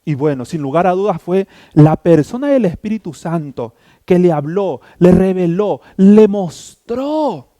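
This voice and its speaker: A man's voice: high-pitched, unhurried, no room sound. A middle-aged man with an Ecuadorian accent, preaching a sermon as pastor and acting out stories with animation. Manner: animated storytelling, acting out scenes.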